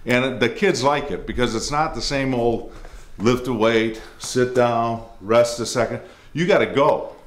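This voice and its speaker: An older man coaching a band workout in a home garage, brisk and plainspoken, calling out cues and counts. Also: mid-range voice. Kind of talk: casual instructional demo. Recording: roomy echoey garage.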